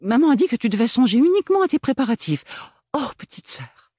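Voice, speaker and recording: A high, loud, gushing young woman who fusses and bosses with theatrical flair, an elder sister out of a storybook, put on by a male narrator. Her voice soars far above a man's range and comes across husky and close, with no room around it. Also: sing-song, normal speed, dry recording, full character voice. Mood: gushing, bossy.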